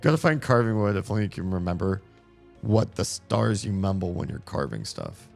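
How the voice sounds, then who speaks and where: A man in his thirties streams a game and chats casually, his low, gravelly voice very animated at a moderate pace over soft background music. He rambles in an easygoing way, full of fillers, as his voice gives out.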